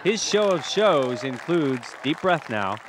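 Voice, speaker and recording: A man's voice: on the high side, sing-song, takes it slowly. A man reporting a light TV feature, reading scripted narration in punchy phrases with playful, dramatic build-ups. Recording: crowd chatter and clear outdoor fair noise. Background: outdoor fair crowd and ambience.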